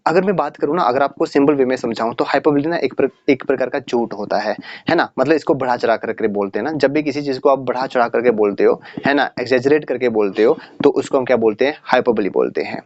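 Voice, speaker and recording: A man teaching a casual English lesson, chatty and asking rhetorical questions, reading the English examples slowly. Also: medium pitch, dry recording. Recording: dry, slightly muffled audio.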